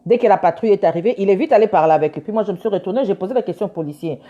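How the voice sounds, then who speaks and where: A woman's voice: mid-range voice, racing, dark tone. A woman lawyer emphatically retelling a run-in, indignant and insistent as she acts out both sides. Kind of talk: casual storytelling. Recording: dull lo-fi recording.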